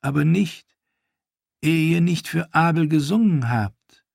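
A man's voice: on the high side, unhurried, gravelly, a little mellow, no room sound, studio quality, pitched above the performer's own voice. A man voicing a menacing washerwoman with a mocking, coaxing manner. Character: menacing washerwoman, falsely soothing.

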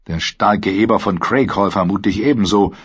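A man reads an audiobook in a steady, dramatic way. His voice sits on the low side and has a husky grain. The recording sounds dull and lo-fi. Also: moderate pace. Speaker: narrator. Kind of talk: audiobook narration.

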